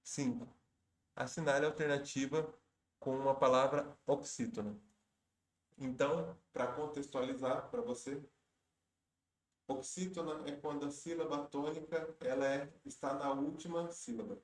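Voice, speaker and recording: A man's voice: on the high side, fairly even intonation, normal speed. A man teaching Portuguese grammar for exam prep. He works through each question step by step, patiently, and often stops to correct himself. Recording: roomy echo.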